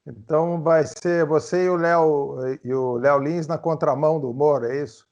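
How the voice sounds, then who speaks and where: A man's voice: fairly high pitch, steady tone, moderate pace, a little mellow. A man interviewing a comedian, asking leading questions and dropping teasing asides. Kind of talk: casual interview chat. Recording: dull lo-fi audio.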